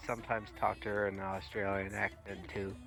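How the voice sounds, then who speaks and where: Bright, crude-talking gamer man. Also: on the low side, flat delivery, brisk, creaky, faint music behind. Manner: crude, blunt, swears freely. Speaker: player. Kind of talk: casual gaming banter on voice chat.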